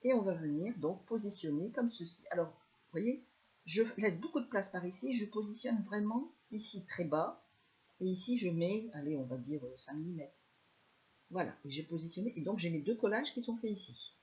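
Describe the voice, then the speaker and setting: Soft-spoken woman demonstrating crafts. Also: on the low side, animated, normal speed, highs cut off. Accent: northern French. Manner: speaks softly, chatty, many fillers like "alors" and "hein". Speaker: scrapbooking demonstrator. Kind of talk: live crafting tutorial.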